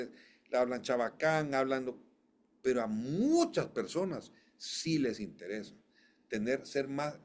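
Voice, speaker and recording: A male voice coach talks through his ideas in a relaxed interview, his pitch sitting right in the ordinary middle for a man. He leans on repetition and keeps restarting his sentences. The delivery is emphatic and conversational. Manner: emphatic, repeats phrases, frequent restarts.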